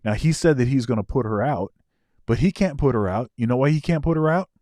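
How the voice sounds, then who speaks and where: A man co-hosting a casual reaction chat, working through his points slowly and circling back on his own words. His voice sits in a middle pitch. It sounds dry and close, with no room echo. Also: animated, warm tone. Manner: rambling, repeats words while explaining. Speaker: co-host.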